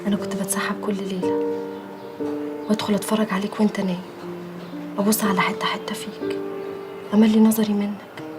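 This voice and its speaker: An actress playing a lovestruck young bride who speaks softly and sweetly in an Egyptian accent. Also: female voice, mid-range voice, little pitch movement, very fast, hardly any pauses, loud music behind the voice, natural voice. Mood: adoring.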